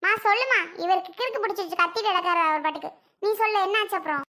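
Someone doing a snappy young wife, talk, squeaky high and bright. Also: heavily acted. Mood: curious. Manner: curious, quick, snapping back. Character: sharp-tongued young married daughter. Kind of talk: family skit acting.

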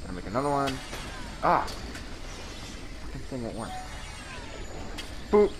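A man's voice: medium pitch, big pitch swings, measured pace, noisy background. A young man giving casual, profane, exasperated commentary while playing a co-op video game. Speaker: let's play gamer. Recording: game music over the voice. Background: video game music and sounds.

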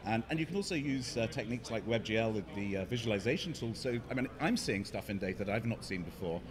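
This is a conference interview in a crowded hotel conference hall indoors, where the noise and chatter of the crowd carry through the recording. The speaker is a middle-aged English startup CEO explaining his work in a fairly low, expressive voice, speaking fast.

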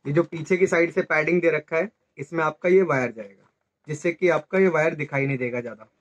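A man with a slightly high voice moves fairly quickly through a step-by-step, hands-on tutorial in a small room indoors. He presents a motorcycle gear channel, and the audio sounds dull, with faint background noise and clicks.

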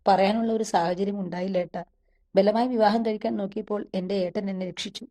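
Frightened young woman, voiced by the woman narrator, tearful and pleading, mellow tone, storybook read. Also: a little high, fairly even intonation, moderate pace.

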